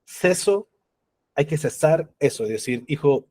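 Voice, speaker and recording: A man's voice: fairly high pitch, expressive, unhurried, darkish tone. A middle-aged man, giving a conversational church parenting talk and often checking in with the audience. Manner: tells personal stories with playful humor.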